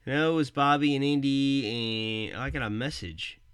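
A man's voice: medium pitch, normal speed, fairly bright tone, clear, resonant tone, no room sound. A man hosting a podcast in casual chat, joking and laughing at his own jokes. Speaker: podcast host.

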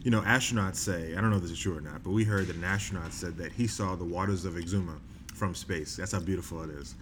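On a noisy recording, a young doctor in training speaks as a guest in a casual interview. He's from New Jersey with Bahamian roots, and his very low voice stays calm and measured as he explains things, using filler words.

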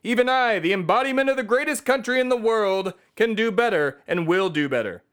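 On a satirical comedy podcast, a man plays America itself as a bombastic, self-important patriotic orator, delivering impassioned, pompous, declamatory speeches. His voice is high, animated, and a little fast. Its tone is somewhat bright, clear, and resonant.

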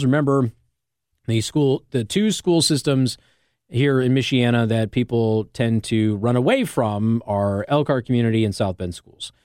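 With a dark-leaning, mid-range voice, an American man acting as a radio talk show host explains topics conversationally and keeps checking in with "okay?" and "all right?" The radio studio recording, made on a close mic, is clean with no room sound.

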